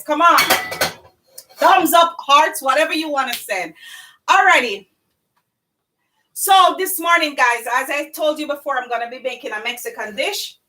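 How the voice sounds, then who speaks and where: Lady hosting a live cooking stream, high voice, chats away to her viewers. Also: sharp tone, slight background noise, poor audio. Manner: chatty, effusive, talks to viewers. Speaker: cooking show host.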